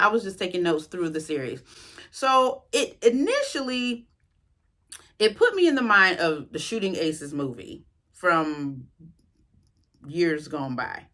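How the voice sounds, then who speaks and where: A woman from the US South, reviewing a series as an author in a chatty, expressive way with slangy asides. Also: on the low side. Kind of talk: casual spoken review.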